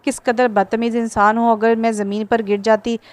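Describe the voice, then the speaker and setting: Woman playing a feisty, sharp-tongued young bride. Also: on the high side, little pitch movement, normal speed, lightly acted. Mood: indignant. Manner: snappy and irritated.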